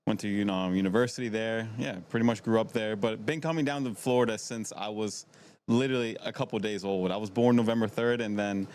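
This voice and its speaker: A middle school PE teacher in his twenties from Maryland, United States, is a guest on a podcast, chatting casually and rambling while repeating himself. His voice is fairly low, steady, a little fast and darkish, with noticeable background noise in the recording.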